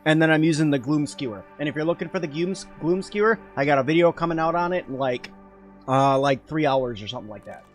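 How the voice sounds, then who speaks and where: Male game streamer, fairly high voice, chatty live commentary with faint music under it. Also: fast. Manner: chatty, answers chat while playing. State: eating while talking at times.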